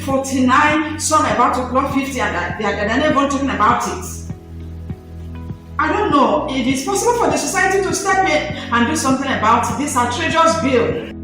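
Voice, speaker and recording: A woman in her thirties giving an emotional, halting personal testimony, often breaking off to apologize. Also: sits high, heavy reverb, far from the mic, poor audio. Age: 30s. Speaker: interviewee.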